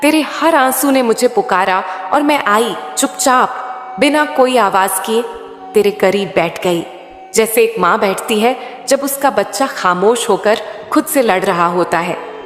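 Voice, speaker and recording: A woman voicing a loving, all-knowing mother goddess in a soothing devotional message, speaking slowly and intimately. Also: on the high side, natural voice. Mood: tender. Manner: slow, soothing, intimate address. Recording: echoey hall with faint sitar music.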